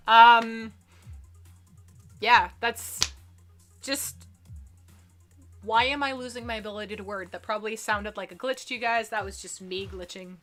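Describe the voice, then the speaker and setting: A woman's voice: fairly high pitch, sharp tone. A woman hosting a casual live-streamed entertainment news show, chatting loosely with lots of fillers and reading out viewer comments. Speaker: livestream entertainment news host.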